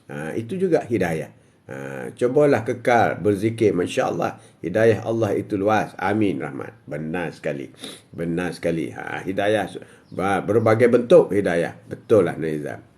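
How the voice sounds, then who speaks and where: A man's voice: sits low, expressive, moderate pace, darkish tone. An older man with a Malaysian Malay accent, hosting a live-streamed religious talk and answering viewer comments, repetitive and emphatic with frequent "ha" interjections. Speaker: host.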